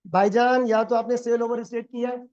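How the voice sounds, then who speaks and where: Mellow-voiced male teacher quizzing students. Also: extremely high pitch, flat delivery, normal speed, dull audio. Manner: quizzes students, acts out dialogues. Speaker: accounting teacher. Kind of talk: classroom lecture.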